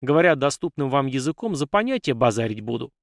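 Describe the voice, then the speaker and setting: A man's voice: mid-range voice, sing-song, fast, gravelly, no echo, clean studio sound. A man voicing a wry, easygoing young male sidekick who talks in a soothing, mock-formal way in an audiobook.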